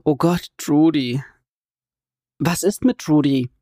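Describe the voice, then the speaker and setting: A woman's voice: sits low, slow pace, dark tone, no room sound, clean studio sound. A woman reading an audiobook, voicing an agitated young man who speaks urgently and insistently. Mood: alarmed.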